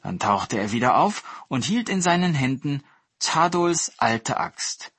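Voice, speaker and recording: A man narrates a folk tale slowly and calmly, in the manner of a storybook reading. His voice is bright yet quite husky, recorded dry and close. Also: medium pitch, no echo.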